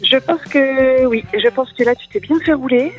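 A woman's voice: high voice, normal speed, highs cut off, soft background music. A woman calling in to a morning radio show, friendly and chatty. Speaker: caller. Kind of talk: radio call-in chat.

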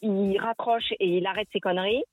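A woman on a phone call from her car, arguing indignantly and firing back sharp retorts. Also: medium pitch, steady tone, brisk. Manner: indignant, sharp retorts, keeps repeating "non, mais attends". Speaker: prank call target. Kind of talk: heated phone argument. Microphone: phone line.

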